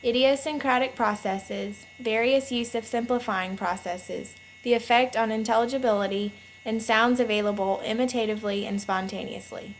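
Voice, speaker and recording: Woman narrating slowly and formally. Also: fairly high pitch, steady tone, slight background noise, low-quality recording. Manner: measured, reads slowly and formally. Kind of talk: scripted narration. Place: voice-over.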